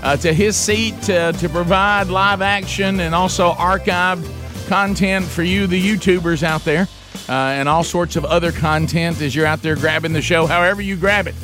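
A man with a fairly high voice hosts a casual radio show. He talks conversationally, haltingly rewording as he goes, over music. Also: steady tone.

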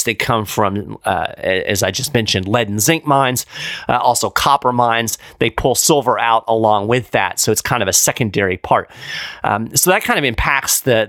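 A middle-aged man talks through market numbers in an easygoing, explanatory host manner. His voice sits at an ordinary pitch, and the recording is close and dry with no room sound. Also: a bit bright, no room sound. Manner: conversational, explanatory, with frequent fillers. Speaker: podcast host. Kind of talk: casual market commentary.

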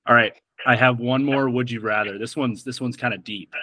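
Male co-host, mid-pitch, playful and jokey, firing off quick would-you-rather questions. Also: steady tone, sharp tone, poor audio. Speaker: podcast co-host. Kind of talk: casual interview chat.

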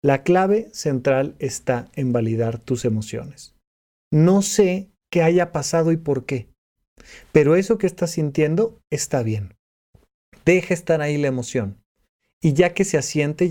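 A man's voice: a little high, a little slow, warm tone. A man hosting a solo podcast. He speaks in a reassuring, explanatory way and acts out short dialogues with imagined listeners. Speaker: podcast host.

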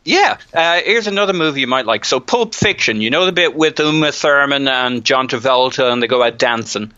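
A man's voice: medium pitch, fairly quick, bright, forceful tone, clean tone, no room sound, highs cut off. A man co-hosting a podcast, chatting loosely and jokingly about football, often restarting his sentences. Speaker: podcast co-host. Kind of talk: casual football chat.

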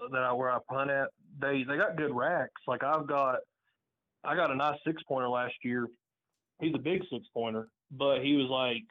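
Guy from virginia calling in on a tinny phone line, casual and kinda hesitant, average pitch. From Virginia, United States. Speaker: phone-in caller.

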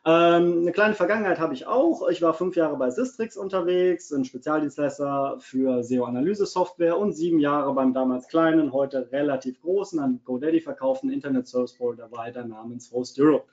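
A German SEO consultant from Cologne, with a slight Cologne tinge, presents a live webinar from his home office in a fairly high-pitched, darkish voice. He talks at a moderate pace with few pauses, chatty and full of fillers and repeated words. The webinar audio is muffled and lo-fi.

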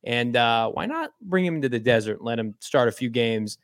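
A man's voice: mid-range voice, expressive, moderate pace, dry recording, studio quality. A man co-hosting a live sports podcast, chatting casually in an upbeat, folksy way. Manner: upbeat, folksy sign-offs. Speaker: podcast co-host.

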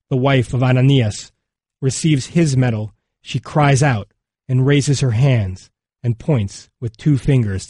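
A man reading a magazine feature as scripted narration, in a measured, solemn way. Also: medium pitch, dark tone, dry recording, studio quality.

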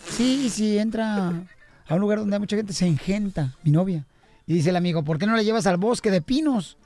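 A man hosting a radio show, telling jokes in a playful, teasing way and then talking gently with a caller. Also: high voice, fairly quick, soft background music. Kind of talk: joke telling and caller interview.

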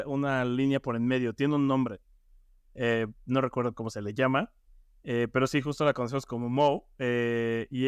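A man's voice: mid-range voice, clean tone, no echo, clean studio sound. A man with a Mexican accent, co-hosting a podcast, chatting casually about music with slang and fillers. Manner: rambling, playful, lots of fillers and slang. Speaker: podcast co-host.

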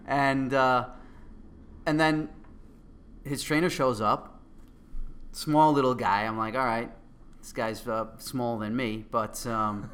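A middle-aged man speaks with a Queens, New York accent and a bright, punchy voice. He tells his story casually and excitably, acting out what each person said as he goes. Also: mid-range voice, slow, long pauses. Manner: animated, excitable storytelling with acted-out quotes. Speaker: guest, company co-founder. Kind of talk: casual anecdote telling.

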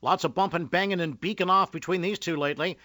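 A man hosting a motorsport news radio show in a brisk announcer style. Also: high-pitched, bright, forceful tone, dry recording.

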